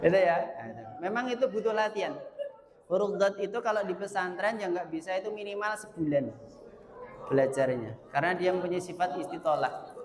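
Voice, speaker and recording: A man's voice: sits high, animated, fairly quick, crowd noise. A man teaching Quran reading in a seminar, drilling Arabic letter sounds aloud with casual joking asides. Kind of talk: seminar lecture with pronunciation drills. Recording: echoey hall with long reverb.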